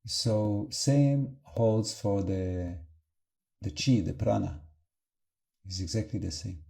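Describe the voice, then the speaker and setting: Calm and gentle, this man guides an unscripted meditation as a teacher, his phrases halting and his pauses long. He has a lowish, creaky voice.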